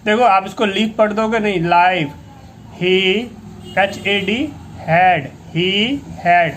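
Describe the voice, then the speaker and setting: A man's voice: high-pitched, a bit bright, a little hiss or hum. A male English teacher giving a reading lesson, spelling out each word letter by letter and repeating it patiently. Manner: spells words out letter by letter, drawing syllables out slowly.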